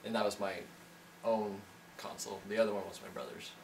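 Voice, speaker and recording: Man, twenties, lowish voice, matter-of-fact intro, echoey room, mic at a distance. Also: level tone, a little fast, background noise. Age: 20s. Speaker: college student. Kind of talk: casual self-introduction.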